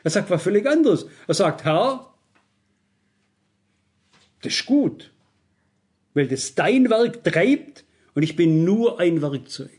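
A high-pitched man preaching a sermon with strong emphasis. He is middle-aged and keeps pressing his listeners with rhetorical questions. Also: lively intonation, a little slow, a little mellow.

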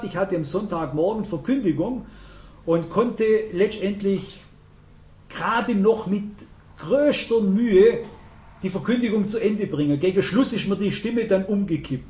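High-voiced older preacher, roomy hall. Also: male voice, normal speed, a little mellow. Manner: earnest storytelling with emphatic rises. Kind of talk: sermon. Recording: roomy, dull hall recording.

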